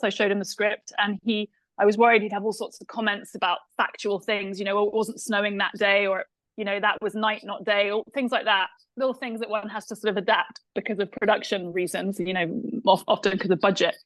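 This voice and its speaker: A woman's voice: mid-range voice, fairly even intonation, a little fast, a bit bright, dry recording, poor audio. A woman from England with an English accent, a film director answering interview questions thoughtfully, with many fillers and restarts.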